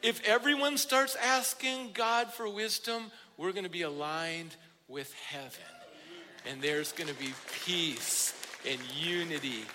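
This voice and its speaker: Pastor, male, high bright tone, emphatic sermon delivery in a reverberant church hall. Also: unhurried. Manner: preaches with rising, emphatic declarations. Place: church sanctuary.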